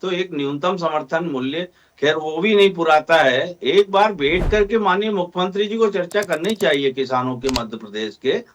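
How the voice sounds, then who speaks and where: A man's voice: on the high side, lively intonation, moderate pace, few pauses, a bit bright, a little hiss or hum. A man speaking for farmers on a panel discussion, arguing earnestly with frequent hesitations. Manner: earnest, argumentative, many hesitations. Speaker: farmer representative guest.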